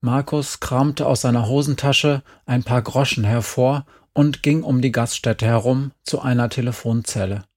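A man's voice: medium pitch, steady tone, moderate pace, few pauses. A man reading a first-person story aloud in a dry, understated way. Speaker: narrator.

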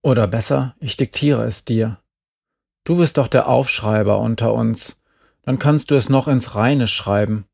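A bitter teenage girl in an audiobook who speaks flatly and cuttingly, as a man reads her lines. The voice is gravelly and sits at an ordinary pitch, matter-of-fact even when the words hurt. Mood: cold. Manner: flat, cutting delivery. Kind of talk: audiobook character reading.

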